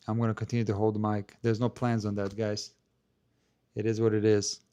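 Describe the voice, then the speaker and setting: Speaking in a monotone at a fairly quick clip, this low, soft-voiced man runs a tennis channel's live Q&A from indoors, addressing the camera. He rambles casually, hedging, restarting sentences, and leaning on "like" and "you know," while a handheld mic held close captures him cleanly.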